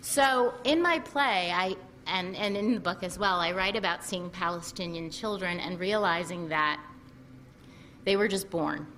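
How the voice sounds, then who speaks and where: Speaking unhurriedly in a lowish voice with a bright, ringing tone, a Lebanese-American-accented woman chats animatedly at a book talk, with plenty of restarts. There's a faint hiss in the recording of this casual reading.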